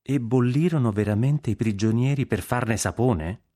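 A man's voice: mid-range voice, normal speed, dark tone, husky, pitched above the performer's own voice, close to an everyday voice. A man voicing a good-natured American man who asks eager questions.

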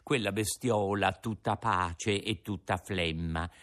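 A man narrating a storybook in an expressive, animated way. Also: low-pitched, slow pace.

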